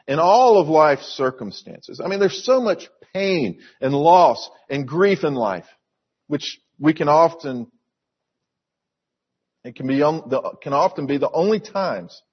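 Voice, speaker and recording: Middle-aged male pastor, earnest sermon delivery, unhurried, slightly husky voice, somewhat dull recording. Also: fairly high pitch. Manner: slow, earnest storytelling with emphatic repetition.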